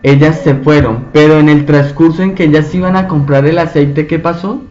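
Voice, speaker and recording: A man's voice: a little high, fairly even intonation, darkish tone. A man teaching a Bible study, often checking in with his listeners through rhetorical questions. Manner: slow, asks the group frequent rhetorical questions. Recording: dull lo-fi recording.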